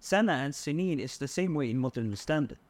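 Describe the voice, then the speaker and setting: A man with an Egyptian Arabic accent, explaining word meanings in a conversational language lesson, in halting, piecemeal phrases. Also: on the high side, expressive, a little hiss or hum. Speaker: Arabic dialect co-teacher.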